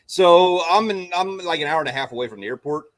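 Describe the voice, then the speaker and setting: A man's voice: a little high, expressive, fast talker, noisy background. A man co-hosting a casual fishing livestream, rambling and self-deprecating as he greets viewers by name. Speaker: livestream co-host. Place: home on Padre Island.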